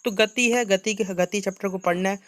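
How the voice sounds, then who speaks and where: A man's voice: sits high, steady tone, normal speed, a bit bright, no echo. A man, talking students through a syllabus and mixing Hindi with English terms. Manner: repeats "ठीक है" and "आपको", mixes Hindi with English terms. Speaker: teacher going over a syllabus. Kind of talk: screen-share walkthrough.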